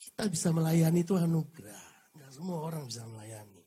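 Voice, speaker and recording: A middle-aged male pastor giving a sermon in a church, in a casual, slangy preaching manner with lively asides. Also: a little high, brisk. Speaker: associate pastor. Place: church sanctuary.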